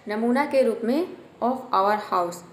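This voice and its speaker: A woman teaches English sentences one word at a time, slowly repeating each word with its meaning. Her voice sits fairly high and unhurried. The room around her is echoey. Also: lively intonation.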